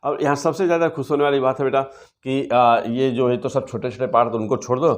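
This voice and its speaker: A middle-aged man teaching physics, going through an exam syllabus in a fond, reassuring way and reading out English topic names slowly. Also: medium pitch, steady tone. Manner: calls students "beta" constantly, reassuring; reads English syllabus terms slowly and deliberately.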